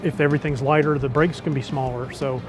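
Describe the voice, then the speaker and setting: A middle-aged museum manager explaining an old car, knowledgeable and matter-of-fact, in a large museum hall on a lapel mic. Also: male voice, mid-range voice, fairly even intonation, quick pace, soft background music. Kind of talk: explaining to an interviewer.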